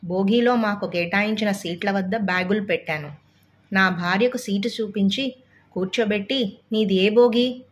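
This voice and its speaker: A woman's voice: mid-range voice, moderate pace. Woman reading a story aloud. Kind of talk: audiobook story narration.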